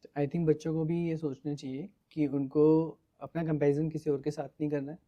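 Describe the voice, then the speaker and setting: A man hosting a podcast interview, listening with steady short replies and speaking briefly. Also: a little high, normal speed, dull audio. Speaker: podcast host.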